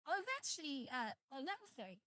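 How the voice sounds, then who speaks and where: A young British-accented woman, half Welsh and half English, chats and jokes with live stream viewers, swearing freely. Her high-pitched voice is very animated and sharp in tone, and she talks a little fast. No echo is present.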